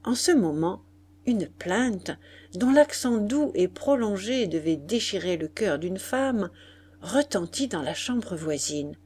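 A woman narrating a classic novel in a measured, steady reading. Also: mid-range voice, slight background noise.

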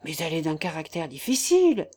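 A woman reading a novel aloud voices a gentle, remorseful young nobleman who speaks in a measured, formal way. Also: deep voice, big pitch swings, pitched below the performer's own voice. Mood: tender. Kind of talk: audiobook character voice.

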